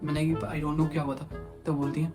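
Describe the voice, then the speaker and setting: A young man tells a personal story at a quick, tumbling pace, his voice sitting a little high. He is animated and acts out what others said to him. Music plays clearly underneath. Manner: animated, quotes others in acted asides. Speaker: vlogger. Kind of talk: casual storytelling.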